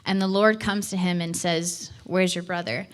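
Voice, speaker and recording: A young woman speaks from a church stage as its missions director. Her voice sits on the low side for a woman. She talks in an earnest, chatty way, full of little fillers and restarts, and her pitch stays fairly even. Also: normal speed. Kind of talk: church talk. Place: church hall.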